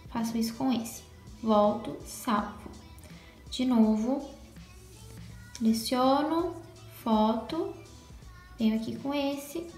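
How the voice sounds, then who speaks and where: A woman's voice: on the high side, darkish tone. A young Brazilian woman chatting to viewers while showing a phone tutorial, checking in with them often. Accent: Brazilian Portuguese. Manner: chatty, talks straight to viewers with lots of "tá?" and "né?". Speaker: lifestyle vlogger. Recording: echoey room with background music.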